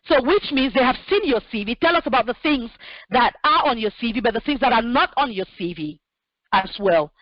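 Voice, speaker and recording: A direct woman in her forties, originally from Cameroon, gives practical career advice in a fairly high voice, filling her pauses with "um." The sound is dry and dull, like lo-fi call audio. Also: animated, no room sound. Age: 40s. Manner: direct, practical, with many fillers. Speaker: human resources expert guest. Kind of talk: answering questions in an online session.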